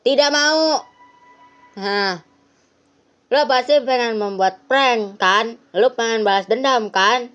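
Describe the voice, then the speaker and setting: Lady doing a bratty boy kid, high and shouty, kinda dull lo-fi sound. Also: slow pace, pauses often. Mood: accusing. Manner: shouty, accusing. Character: angry, suspicious young boy who lost a leg.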